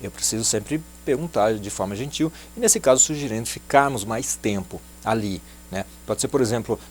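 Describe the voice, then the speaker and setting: A man giving a casual video English lesson, chatting and repeating English phrases slowly for practice. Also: medium pitch, darkish tone, a little hiss or hum. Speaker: English teacher.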